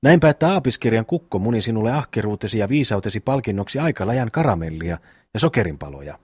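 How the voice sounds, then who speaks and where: A man's voice: on the low side, sing-song, husky, dry recording. A man voicing a sly, mocking young peasant brother in an audiobook. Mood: teasing. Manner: mocking, dry wit.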